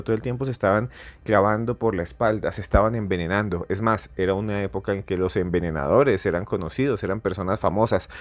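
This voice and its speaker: A man hosting a podcast, telling a story with theatrical, repetitive build-ups that swell to near-shouting. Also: lowish voice, no room sound. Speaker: podcast host. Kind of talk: dramatic storytelling narration.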